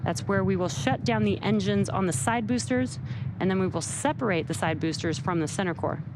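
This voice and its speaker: A woman's voice: mid-range voice, fairly quick, noisy background. A woman hosting a live launch webcast, explaining technical terms plainly as she commentates.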